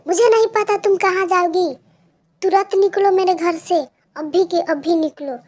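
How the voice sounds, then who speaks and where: A woman voicing a cruel stepmother who scolds and yells in a cartoon story. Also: high-pitched, steady tone, moderate pace, pitched above the performer's own voice, natural voice. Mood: angry shouting. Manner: yelling, scolding.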